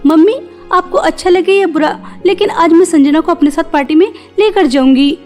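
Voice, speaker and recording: A woman's voice: very high voice, moderate pace, darkish tone, faint music behind. A woman doing a spirited, loyal cartoon girl. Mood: defiant. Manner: earnest, firm. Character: loyal, spirited young woman defending her sister.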